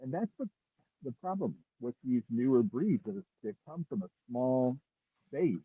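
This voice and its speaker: A man's voice: mid-range voice, very animated, moderate pace, no room sound. A man talking casually as a dog breeder on a remote call, rambling with many restarts, his voice muffled as if heard through a wall. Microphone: earbuds on a remote call. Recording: muffled, husky, dry, phone-like remote call.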